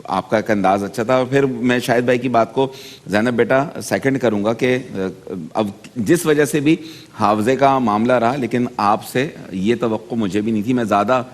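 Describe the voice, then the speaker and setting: Man on a judging panel, measured and careful, fixes word usage, mid voice. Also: mid-range voice. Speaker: debate judge. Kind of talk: TV competition judging. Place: TV studio.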